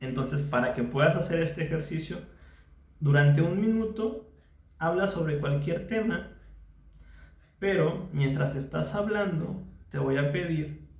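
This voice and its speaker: A man with a fairly high, gravelly voice, recorded in an echoey room. He is a psychologist guiding a mindfulness lesson. He is patient and repeats himself, checking in with the listener all the time. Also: animated, unhurried, a little mellow. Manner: patient, repeats phrases and checks in with frequent questions.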